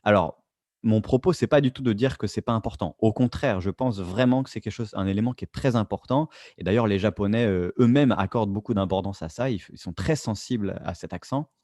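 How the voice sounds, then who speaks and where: Man, low mellow voice, dry sound, reflective podcast co-host, restarts phrases. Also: fairly quick, no echo. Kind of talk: casual podcast discussion.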